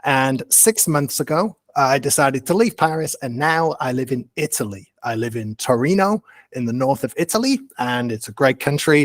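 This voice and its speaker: A man's voice: mid-range voice, no room sound. Man, late 30s, teacher speaking plainly to learners over a dry call line. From England. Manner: friendly, clear and unhurried, simple wording for learners. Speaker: guest English teacher. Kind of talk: casual self-introduction on a video call.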